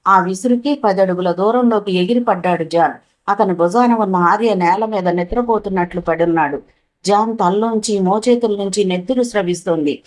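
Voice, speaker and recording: A woman narrating a novel as an audiobook, with a dramatic, expressive reading. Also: mid-range voice, normal speed, poor audio.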